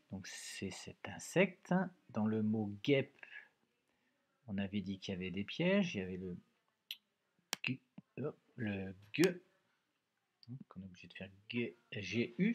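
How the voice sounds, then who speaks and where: A man teaching a dictation lesson to young pupils, slow and patient, spelling words out syllable by syllable and often adding "hein". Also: lowish voice, breathy edge, highs cut off. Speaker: primary school teacher. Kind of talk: recorded remote dictation lesson.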